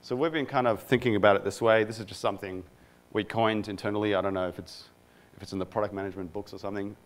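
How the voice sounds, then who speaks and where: A man's voice: on the low side, fairly even intonation, fast talker. A man from Egypt, a product manager, giving a casual conference talk to a live audience, with many fillers and self-deprecating asides.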